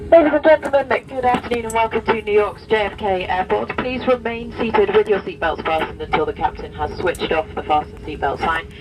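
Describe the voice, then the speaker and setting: A cabin crew member gives a polite, measured arrival announcement over a plane's cabin loudspeaker. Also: medium pitch. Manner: polite, measured, routine airline phrasing. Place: aircraft cabin after landing. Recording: distant loudspeaker, cabin engine noise.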